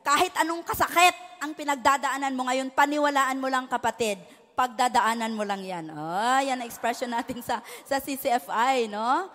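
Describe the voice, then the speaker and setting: A woman's voice: high-pitched, normal speed, fairly bright tone. A woman from the Philippines preaching a sermon, switching between English and local languages and tagging phrases with a questioning "no?". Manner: tags nearly every phrase with a questioning "no?". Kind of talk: sermon to a congregation. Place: church hall. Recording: long reverb of a church hall.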